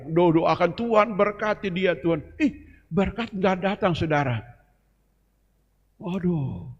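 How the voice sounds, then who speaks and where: A fairly high-voiced man preaches in an animated way, calling out to his congregation and getting them to echo his lines. His voice rings through a large reverberant church hall. The sound is a little dull and muffled. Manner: lively, calls on congregation to repeat and respond. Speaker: pastor. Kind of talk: sermon.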